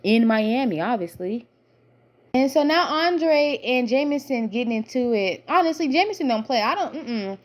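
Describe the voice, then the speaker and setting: A young woman giving a casual reality-show recap in a chatty, slangy, animated storytelling manner. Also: a little high, normal speed.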